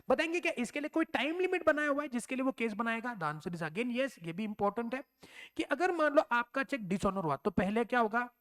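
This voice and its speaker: Fairly bright and pitched high, this man's voice carries a recorded lecture for exam preparation in which he explains things stepwise, answers his own questions, and slips in English terminology.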